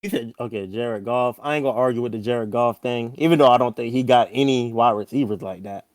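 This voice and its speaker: A man's voice: medium pitch, no echo. A man co-hosting a sports podcast, talking casually and restarting his sentences. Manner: halting, restarts often. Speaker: podcast co-host.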